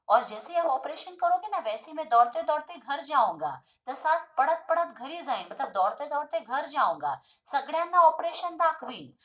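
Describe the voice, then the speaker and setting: A woman tutor explaining a school lesson. She reads each line, then explains it simply in an animated storytelling way. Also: sits high.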